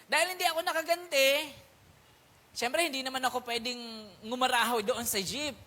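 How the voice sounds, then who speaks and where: A man's voice: very high voice, steady tone, normal speed, pushed and bright. A male pastor preaching a sermon at a prayer meeting, mixing in English words and checking if listeners are still with him. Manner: keeps asking if listeners are still there; mixes English words into speech.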